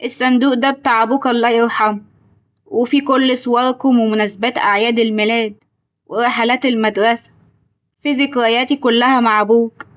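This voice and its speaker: A woman's voice: a little high, fairly even intonation, fast, dull audio, close to an everyday voice. A woman voicing a sad, wounded aging mother with an Egyptian accent, in a told story. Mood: grieving. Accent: Egyptian Arabic. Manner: sorrowful, reproachful.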